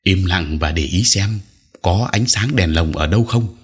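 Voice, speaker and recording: A man voicing a calm schoolboy who speaks slowly and curtly. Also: deep voice, breathy edge, full character voice. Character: calm, terse schoolboy guiding a friend.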